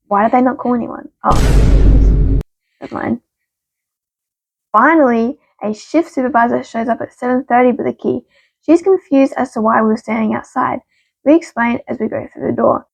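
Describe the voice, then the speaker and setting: A woman reading stories aloud as the channel's narrator, expressive and punchy with quick asides. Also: a little high, gravelly, slightly rough, no echo, rough recording. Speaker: story reader.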